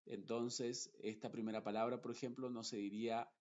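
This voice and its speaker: A man teaching pronunciation, speaking deliberately and repeating example words carefully, one at a time. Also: medium pitch, level tone, darkish tone, dull audio. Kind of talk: slow, deliberate pronunciation lesson.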